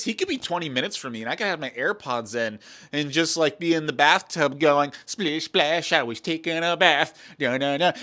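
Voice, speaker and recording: Man ranting in a lively movie review. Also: medium pitch. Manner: exasperated, sarcastic, swearing rants.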